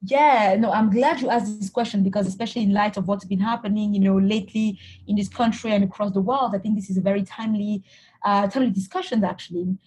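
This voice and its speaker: A woman's voice: mid-range voice, steady tone, quick pace, a little mellow, slight background noise. A woman from Cameroon, a guest in an interview, answering reflectively with frequent restarts and "you know" fillers.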